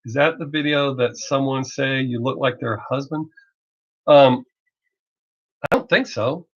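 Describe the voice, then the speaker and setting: Fast talk covers the Southern drawl of this middle-aged American man, whose voice sits in the mid range. As a reaction video creator on a live stream, he chats off the cuff, blunt, rambling and full of jokes, and the stream's lo-fi sound is dull.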